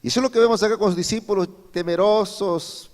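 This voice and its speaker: A male pastor preaches a Sunday sermon in a church hall. His voice is somewhat high for a man, and he keeps asking his listeners rhetorical questions. The hall gives his voice a long, ringing reverb. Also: quick pace, darkish tone. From Peru. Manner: asks the congregation frequent rhetorical questions.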